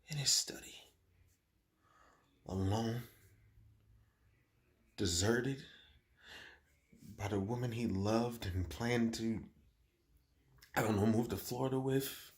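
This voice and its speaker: A male actor with a mid-range voice plays a confused, grieving schoolboy son in a dramatic monologue. He speaks haltingly and in a hush, with heavy pauses, and sounds bitter and let down.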